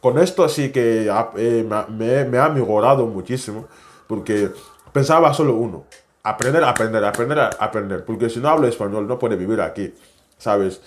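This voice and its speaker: Young man, speech; animated casual vlogger. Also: on the low side, moderate pace. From West Africa. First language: French. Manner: animated, chatty, non-native Spanish with tag questions. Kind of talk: casual storytelling to camera.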